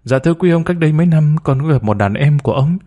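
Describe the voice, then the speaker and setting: Male reader doing a meek, hesitant woman around forty, pleading and deferential, mellow voice. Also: fairly high pitch, animated, quick pace. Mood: timid, pleading. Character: timid humble woman about forty, former bar girl.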